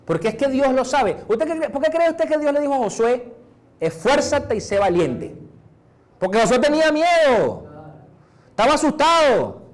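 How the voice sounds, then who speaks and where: A middle-aged Venezuelan man preaching a sermon as pastor, conversational, dropping softer to act out prayers. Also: extremely high pitch, big pitch swings, moderate pace. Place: church.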